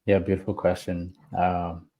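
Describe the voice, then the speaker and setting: A man being interviewed as a podcast guest, talking slowly and reflectively with many pauses. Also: low voice, completely flat delivery, warm tone. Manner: slow, measured, thoughtful with pauses.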